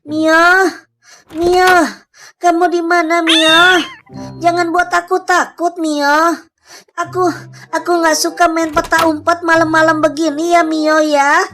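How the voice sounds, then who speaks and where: A woman's voice: extremely high pitch, little pitch movement, slow pace, pauses often, pushed and bright. A woman narrating a game roleplay as a frightened girl searching for her friend, talking anxiously to herself and calling out over faint background music. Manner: anxious, talks to herself, calls out repeatedly.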